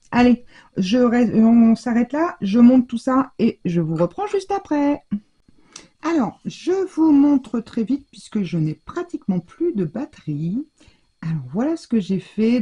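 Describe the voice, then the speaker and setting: An older scrapbooking vlogger chats casually through a tutorial from her home craft room, thinking aloud as she works. Her mid-range voice is mellow and husky, and the recording has a dull lo-fi sound.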